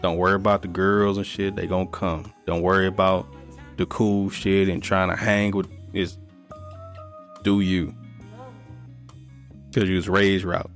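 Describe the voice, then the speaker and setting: Low and level, this thirty-something man's voice moves unhurriedly, with long pauses, as faint music plays behind him. He's a podcast co-host in casual conversation. He tells stories laid-back and gives profane, blunt life advice.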